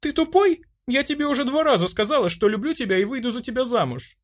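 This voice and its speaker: A man's voice: very high voice, animated, fast, voice pushed up. A man voicing a brash, self-assured young woman in an audiobook, bossy and pushy. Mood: indignant.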